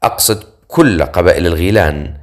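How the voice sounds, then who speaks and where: A man's voice: low voice, a little fast, voice pushed down, close to an everyday voice. A man voicing a cocky young male adventurer in an audiobook, with a mocking, teasing manner.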